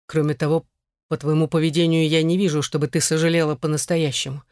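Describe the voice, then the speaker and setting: A gruff, resentful husband in an audiobook, as the narrator reads him. He speaks at about the reader's own pitch. The recording is dry and close. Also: flat delivery, quick pace, darkish tone, no room sound, lightly acted. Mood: stern. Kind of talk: audiobook character voice.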